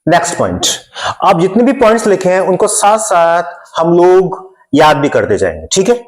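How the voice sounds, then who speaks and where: A man's voice: high-pitched, sing-song, moderate pace, low-quality recording. A man from India teaching English grammar in a classroom-style lesson, explaining step by step and repeating terms in Hindi and English.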